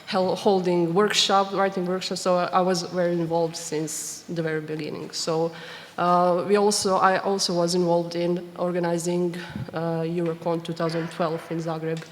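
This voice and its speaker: Panelist: woman, low flat voice, halting delivery, hall reverb. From Croatia. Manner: halting, full of fillers. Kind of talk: convention panel talk. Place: convention panel room.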